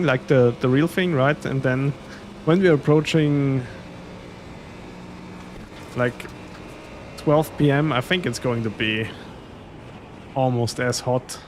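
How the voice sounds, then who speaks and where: A man's voice: medium pitch, a little hiss or hum. A man from Austria with an Austrian German accent, a German native speaker, chatting casually with viewers as a sim racing streamer and chuckling often. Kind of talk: casual live-stream chat.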